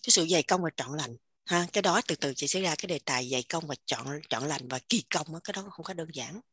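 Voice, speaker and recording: A woman with a Southern Vietnamese accent giving an animated casual spiritual talk, repeating words in quick emphatic bursts. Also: low-pitched, husky, no echo, clean studio sound. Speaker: religious teacher sharing insights.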